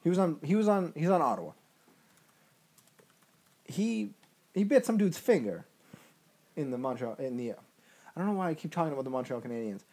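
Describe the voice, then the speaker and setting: A man's voice: on the high side, sing-song, a little fast, pauses often, a little mellow. A man co-hosting a casual podcast, rambling loosely and losing track of names as he talks. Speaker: podcast co-host. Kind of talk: casual sports chat.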